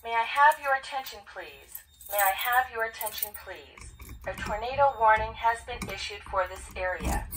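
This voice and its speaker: A woman's prerecorded emergency announcement, played through building alarm loudspeakers in a calm, measured, formal delivery. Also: on the high side, distant mic. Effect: played through alarm system loudspeakers. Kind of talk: prerecorded public warning message. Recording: echoey loudspeaker heard from afar, faint noise.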